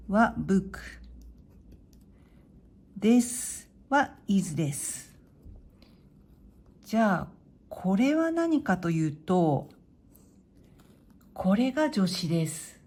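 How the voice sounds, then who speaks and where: A woman teaching Japanese to beginners in a clear, patient way, modeling pronunciation slowly and encouraging learners. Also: mid-range voice, mellow. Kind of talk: slow, clear explanatory lesson.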